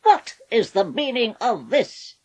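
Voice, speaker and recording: A man's voice: very high voice, sing-song, takes it slowly, darkish tone, voice pushed up, heavily acted. A man voicing a blustering, pompous old pirate captain who splutters when flustered. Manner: huffy, sputtering exclamations.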